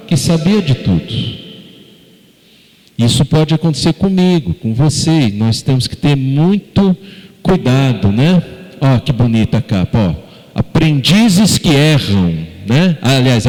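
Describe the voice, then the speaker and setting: A man's voice: mid-range voice, darkish tone. A man with a Brazilian Portuguese accent preaching a sermon as pastor, talking conversationally and putting questions to the congregation. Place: church sanctuary. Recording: long church-hall reverb.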